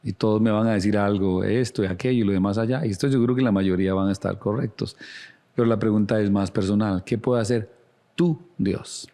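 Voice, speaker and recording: A man's voice: lowish voice, fairly even intonation, fast talker, mellow. A man preaching a sermon as a pastor, earnest and speaking straight to the listener with direct questions. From Latin America.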